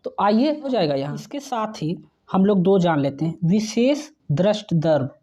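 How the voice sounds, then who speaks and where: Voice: mid-range voice, animated, moderate pace, dark tone. A teacher giving an exam-prep grammar lesson, who spells out sounds one by one and often checks in with the viewer.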